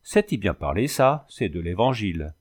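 A tipsy, pompous village mayor, as a man reads him aloud, chatty and pleased with himself. The voice sits fairly low and talks in a folksy, storybook manner. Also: big pitch swings, moderate pace. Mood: boastful. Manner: chatty, self-satisfied, folksy.

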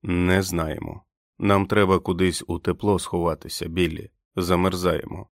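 A man's voice: sits low, level tone, normal speed, no room sound, studio quality. A man voicing a tired, injured grown man who speaks firmly in an audiobook. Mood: weary. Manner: firm, urgent calls.

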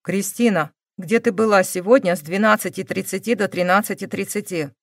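A woman voicing a calm, stern male police investigator who presses with measured questions. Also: medium pitch, gravelly, no echo, clean studio sound, natural voice.

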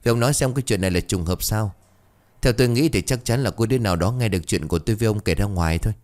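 A man's voice: on the low side, racing, darkish tone, lightly acted. A man voicing a scornful elder wife. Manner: scornful, lecturing. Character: scheming elder wife, scornful, sharp-tongued.

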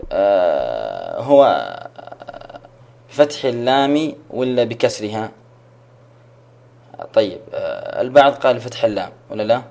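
A man's voice: fairly low pitch, creaky, darkish tone, slight background noise. A man teaching a religious lesson online, asking questions, repeating them and praising his students' answers.

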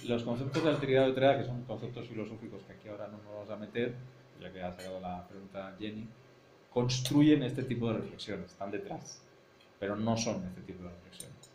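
A man's voice: fairly low pitch, fairly quick, a little mellow, a little hiss or hum. Man from Madrid explaining in an echoey classroom. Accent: Spanish from Spain, Madrid. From Spain (Madrid). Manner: explanatory, thinks aloud, checks understanding with frequent "¿no?". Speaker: university teacher. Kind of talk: seminar lecture with discussion.

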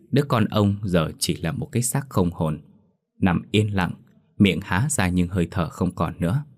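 Deep-voiced man narrating a horror story. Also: a little mellow.

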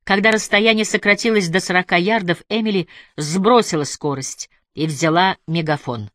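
A woman narrating an audiobook with a measured, dramatic reading. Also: fairly low pitch, fairly bright tone, no echo, clean studio sound. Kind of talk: scripted narration.

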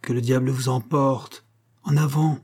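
A man voicing a short-tempered rioter leader in an audiobook, gruff and cursing. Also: medium pitch, steady tone, measured pace, a little mellow. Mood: angry.

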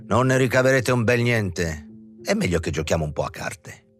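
A man's voice: fairly low pitch, expressive, moderate pace, faint music behind, lightly acted. A man reading aloud, voicing a tired, jaded male actor. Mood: weary. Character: weary, world-worn handsome male actor.

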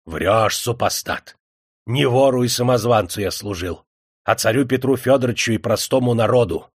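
A man's voice: medium pitch, normal speed, husky, no echo, studio quality, natural voice. A man voicing a proud, defiant old male servant who speaks in a mocking, scornful way. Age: older.

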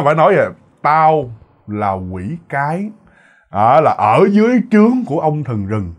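A man telling a ghost story in a casual, repetitive way with many fillers. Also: a little high.

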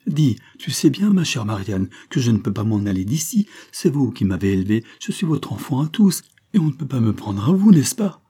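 A man reading aloud and voicing a distressed, impetuous young girl, with raised pitch and pleading, vehement delivery. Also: lively intonation, a little fast, mellow, breathy edge. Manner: pleading, rising to vehement outbursts.

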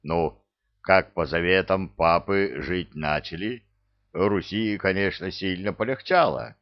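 A plain-spoken tsar who grumbles over his own affairs, read by a man. The voice is low and slow. The recording sounds a little dull. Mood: musing grumble.

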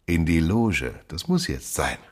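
A man's voice: deep voice, wildly swooping pitch, unhurried, full character voice. An actor playing a chummy, blustery showman, colloquial, jovial and bossy, in old film style. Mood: jovial coaxing. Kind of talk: early sound film acting.

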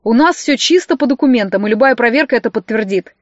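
A woman's voice: fairly high pitch, animated, fast, no echo, lo-fi sound, close to an everyday voice. A woman reading an audiobook voices a pompous, defensive male clinic doctor with a smug manner. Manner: smug, then shrieking in panic.

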